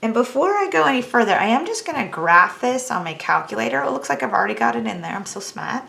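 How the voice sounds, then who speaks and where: A woman's voice: fairly high pitch, big pitch swings, quick pace, gravelly, sharp tone. A woman teaching a math lesson, talking through each step on a calculator in a chatty, self-teasing way.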